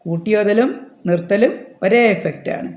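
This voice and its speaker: A man with a Malayali accent teaching Quran recitation rules, explaining step by step and repeating syllables slowly. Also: high-pitched, a little mellow, reverberant. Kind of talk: tajweed lesson with slow recitation.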